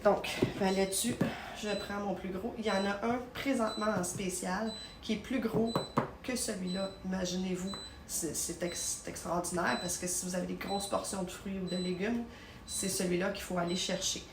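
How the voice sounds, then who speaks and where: A woman's voice: mid-range voice, fairly even intonation, normal speed, heavy background noise. A woman with a Québécois French accent, chatting casually through a live product demonstration in her home kitchen, recorded on a phone, sometimes stumbling over her words.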